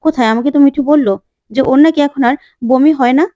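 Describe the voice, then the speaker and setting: Insistent young fiancé, quick and earnest, read by a woman in her own soft voice. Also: high voice, no echo, highs cut off, lightly acted.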